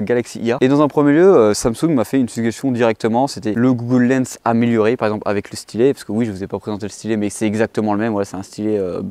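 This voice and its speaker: A man's voice: medium pitch, darkish tone, no room sound. A man giving a casual, chatty tech product review and speaking straight to the viewer. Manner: chatty, addresses the viewer directly.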